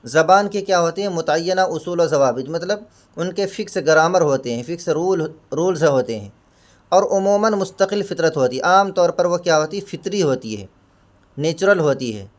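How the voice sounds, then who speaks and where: A man's voice: on the high side, expressive. A man teaching an exam-prep lesson. He asks himself questions, answers them, and repeats key points with Hindi and English equivalents. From India. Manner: explains each term with Hindi and English equivalents.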